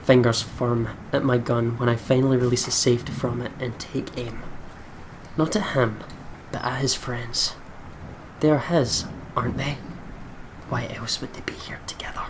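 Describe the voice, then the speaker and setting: A let's play YouTuber with a medium-pitched, fairly even voice reads a visual novel aloud with dramatic flair at normal speed, then chats casually between passages. Game music plays behind him, and the background is noisy.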